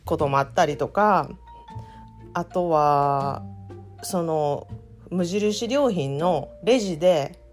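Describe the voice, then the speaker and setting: A woman from Japan with a Kansai accent, hosting a casual solo podcast and telling self-deprecating stories in a chatty, animated way. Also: low voice, slow pace, pauses often, faint music behind. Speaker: podcast host.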